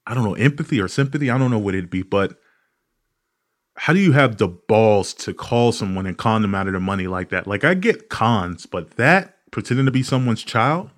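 Ranting profane man with low voice. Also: moderate pace. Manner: profane, ranting, animated storytelling. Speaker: podcast host. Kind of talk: casual comedic podcast monologue.

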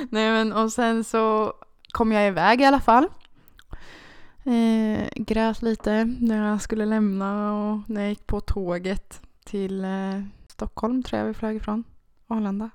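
A woman's voice: mid-range voice, clean tone, no room sound, studio quality. A young woman co-hosting a podcast, telling a story in a casual way and acting out what people said. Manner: animated, acts out quoted dialogue with "jag bara". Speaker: podcast co-host.

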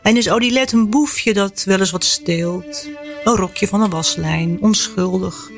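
A woman author reading from her own novel, then talking about the memories behind it in a lively, storytelling way. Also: medium pitch, unhurried, faint music behind. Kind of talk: novel reading and personal reflection.

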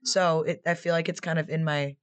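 A woman's voice: low voice, fairly quick. A woman in her twenties, a former player turned assistant coach, answering interview questions in a chatty way. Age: 20s. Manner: chatty, animated storytelling with quoted voices.

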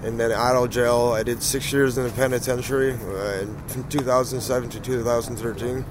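A man's voice: medium pitch, steady tone, brisk. A stoned man in his thirties from Toronto with a Canadian accent, talking about himself in a loose, rambling, matter-of-fact way in a casual interview. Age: 30s. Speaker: street interviewee. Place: outdoors on a city street. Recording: loud outdoor traffic noise. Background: cars and urban ambience.

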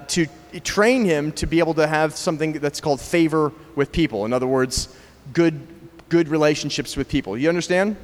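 A man preaching a sermon at a church gathering, talking conversationally and asking the congregation questions. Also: fairly high pitch. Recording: long reverb of a large room.

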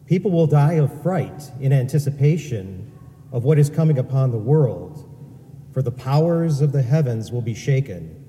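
A man's voice: mid-range voice, warm tone, slight background noise. Man reading scripture in cathedral echo. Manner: slow, measured proclamation. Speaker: Gospel reader at Mass. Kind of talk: solemn liturgical scripture reading. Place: large church. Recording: long church reverb, distant mic, faint ambience.

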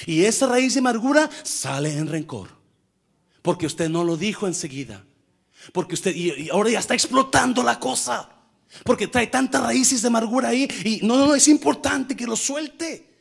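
Animated high-voiced male preacher. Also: moderate pace, vocal fry, husky. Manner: animated, acts out quoted speech in shifting voices; mixes in English fillers. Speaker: pastor. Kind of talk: sermon.

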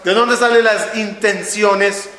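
A man's voice: high voice, steady tone, slow pace, pushed and bright. A man teaching a religious class, telling stories and asking questions of the audience. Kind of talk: Torah class to a live audience. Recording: echoey room.

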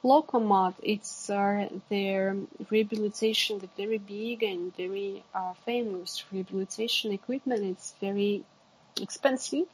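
A woman giving interview answers about technical work, haltingly searching for words in English. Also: mid-range voice, steady tone, slightly rough, low-quality recording. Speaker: interviewee, exoskeleton company representative.

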